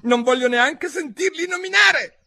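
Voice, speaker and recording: A man voicing a tiny, easily offended male mouse with a shrill, squeaky, trembling voice in a storybook reading. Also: animated, unhurried, pushed and bright, exaggerated voice. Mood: outraged. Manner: trembling, indignant outbursts.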